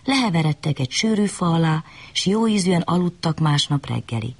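A woman reading a children's bedtime story aloud, gentle and lively. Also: low-pitched, slightly rough.

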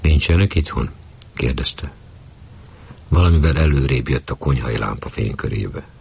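A man reads a story aloud in a measured, even way. His voice sits extremely low, with a gravelly, creaky edge and a very husky, breathy grain. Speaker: narrator. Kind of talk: storybook reading.

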